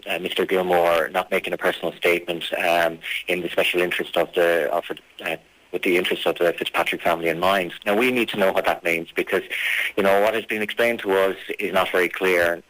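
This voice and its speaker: Man, low pitch, halting but insistent, formal wording, radio interviewee. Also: steady tone, a bit bright, low-quality recording. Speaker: interviewee, family campaigner.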